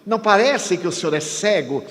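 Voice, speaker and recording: A man's voice: high voice, expressive, a little fast, a bit bright, big-room sound, voice pushed up. A man voicing an irritable, pushy man in an airport queue who fires off challenging questions. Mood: surprised.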